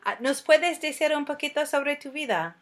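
A woman hosting a language-learning podcast, asking interview questions in a slow, clear, measured way with frequent hesitations. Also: sits high. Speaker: podcast host.

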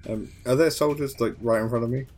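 A man's voice: mid-range voice, fast, darkish tone, faint music behind. A man playing a tabletop game, unsure of the rules and asking questions. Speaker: player.

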